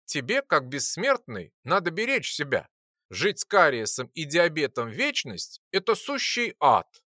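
A narrator voicing a calm, ironic male alchemist who lectures patiently in an audiobook. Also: on the high side, a little slow, no room sound, clean studio sound, full character voice. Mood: wry. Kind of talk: audiobook character voice.

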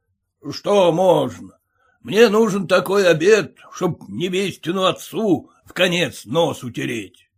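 A boastful, domineering merchant from an old comic story, played by a man. He speaks deliberately and orders people about. The voice is slightly husky and lively in pitch. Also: full character voice. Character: bossy boastful middle-aged male merchant.

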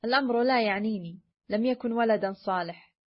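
A woman's voice: on the high side, a little fast, close to an everyday voice. A woman reading the lines of a greedy, fearful old miser uncle in a storybook, curt and grudging, on a dull lo-fi recording.

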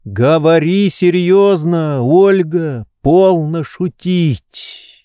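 A man reading an audiobook, voicing an anxious, impatient young gentleman. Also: fairly high pitch, drawn-out words, clear, resonant tone, dry recording, studio quality, pitched above the performer's own voice. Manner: nervous, impatient.

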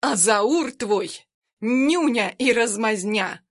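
A hoarse, shrieking young villainess, as a woman reader puts her on, reckless and furious, snarling every threat. Her voice jumps high and loud above the reader's own, and the recording is close and dry. It sounds like an audiobook scene. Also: lively intonation, slow pace, no echo.

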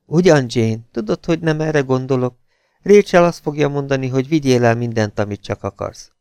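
A man voicing a jealous, scheming young woman who pleads and wheedles, in a gravelly voice. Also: medium pitch, lively intonation, darkish tone, no echo, studio quality, pitched above the performer's own voice, natural voice. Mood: wheedling.

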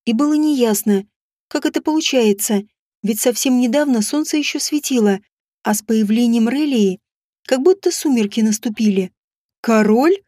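A woman reading a first-person audiobook in a measured, steady storytelling manner. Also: fairly high pitch, no echo, clean studio sound. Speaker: audiobook narrator.

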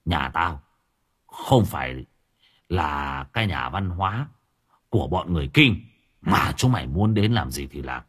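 A man voicing arrogant young thug, low taunting voice, husky. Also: animated, measured pace, pauses often, fairly bright tone, exaggerated voice. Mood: menacing. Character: arrogant young male village thug, sneering.

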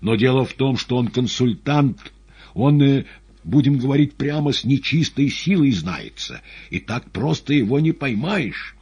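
A man's voice: mid-range voice, lively intonation, measured pace, gravelly, a little mellow, breathy edge, voice pushed up, exaggerated voice. A man voicing a frantic young male poet in an audiobook, agitated and insistent. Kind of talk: audiobook character voice.

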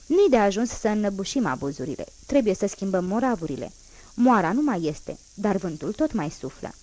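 A woman's voice: medium pitch, sing-song, a little mellow. A woman reading as a proud old revolutionary man. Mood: unyielding. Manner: firm, emphatic declaiming. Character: fierce old male revolutionary, unyielding and proud.

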